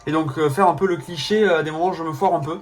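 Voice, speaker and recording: A man's voice: a little high, fast talker, soft background music. A young man with a faint southern French accent, casually commenting on a game he plays, rambling with fillers and self-corrections. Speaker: let's player.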